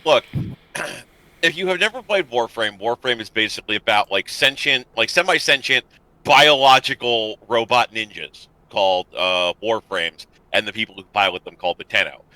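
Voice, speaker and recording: A man's voice: medium pitch, normal speed, sharp tone, dry recording, rough recording. A man in casual gaming chat on a livestream panel, wry and freely profane.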